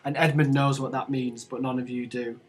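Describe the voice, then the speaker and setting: A man's voice: mid-range voice, level tone, a little fast, a crowd in the background. A man with a casual, chatty manner, narrating a tabletop game as dungeon master.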